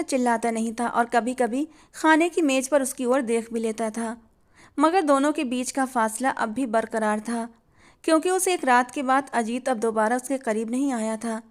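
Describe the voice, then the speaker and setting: A woman narrating a scripted family story in a steady, expressive reading voice. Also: a little high.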